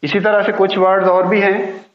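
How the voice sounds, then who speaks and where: Teacher, male, patient and repetitive, slightly high voice, roomy lo-fi recording. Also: little pitch movement. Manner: patient, repeats key words slowly. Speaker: English teacher. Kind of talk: classroom grammar lesson. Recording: roomy, dull lo-fi sound.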